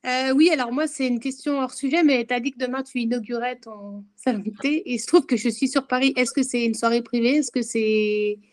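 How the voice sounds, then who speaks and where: A woman's voice: fairly high pitch, steady tone, fairly quick, hardly any pauses. A woman asking curious questions on a live call.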